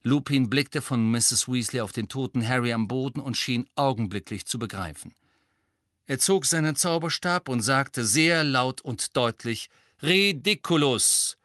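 Male audiobook narrator, measured storytelling, dead-dry booth sound. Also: mid-range voice, fairly bright tone, no room sound.

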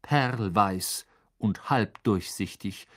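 A man narrating a fantasy audiobook with expressive, dramatic storytelling. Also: lowish voice, extremely slow. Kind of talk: scripted narration.

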